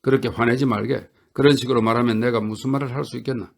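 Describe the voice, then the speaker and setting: A distraught husband pleads in choked bursts, as a male audiobook reader voices him with a gravelly edge. He sounds shaken and helpless, a storybook figure. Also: mid-range voice, fairly even intonation, fast talker. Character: distraught grieving husband, a man.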